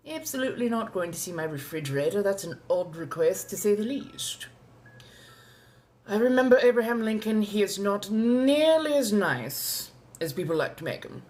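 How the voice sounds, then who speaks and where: A woman's voice: mid-range voice, darkish tone, close to an everyday voice. A woman playing an ancient, genteel female vampire with a posh colonial accent, speaking formally and courteously as she chats live in character. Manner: refined, formal, old-fashioned wording, drawn-out deliberate phrasing. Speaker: livestream host answering viewer questions. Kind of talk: in-character live question-and-answer chat.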